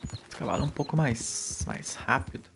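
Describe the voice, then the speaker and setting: A man's voice: mid-range voice, a little fast, gravelly, noisy background. A man with a Brazilian Portuguese accent giving casual commentary as he streams a game live.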